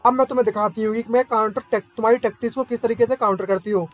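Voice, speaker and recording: A man's voice: high-pitched, fairly even intonation, racing, faint music behind, close to an everyday voice. A man voicing a proud scheming female villain queen in a storybook recap, haughty and indignant.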